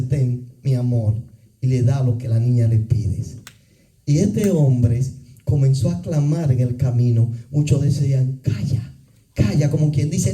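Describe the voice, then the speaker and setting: A man preaching a sermon in a church, swinging his pitch widely and crying out quoted pleas. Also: mellow, echoey room, recorded from a distance, poor audio. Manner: sweeping pitch swings, dramatic quoted cries. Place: church sanctuary.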